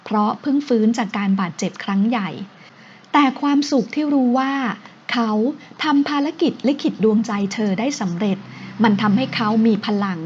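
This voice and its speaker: A woman reading an audio novel in a gentle, measured storytelling way, in a dull lo-fi recording. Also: on the high side, slight background noise. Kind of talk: scripted narration.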